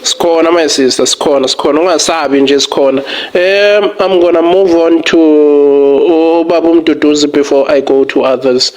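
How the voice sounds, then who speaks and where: A man with a slightly high voice moderates a live discussion. He reassures the speakers and keeps the floor moving. He also chimes in with short remarks. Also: moderate pace, hardly any pauses. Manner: reassuring, chiming in.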